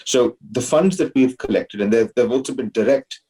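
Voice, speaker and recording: A man with an educated, posh Indian English accent giving measured, deliberate explanations as an interview guest. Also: mid-range voice, warm tone, slightly rough, rough recording. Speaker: interview guest, alumni society president.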